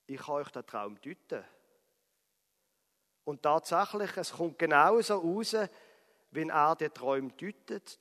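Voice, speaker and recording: High-voiced Swiss German preacher. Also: male voice. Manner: lively storytelling, dramatic emphasis. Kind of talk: sermon retelling a Bible story. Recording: reverberant hall.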